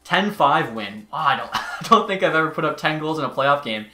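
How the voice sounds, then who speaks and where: Chatty gamer guy, bright and roomy. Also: a little high, animated, brisk, soft background music. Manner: chatty, exasperated outbursts. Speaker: gaming YouTuber. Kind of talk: casual gameplay commentary. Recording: roomy echo.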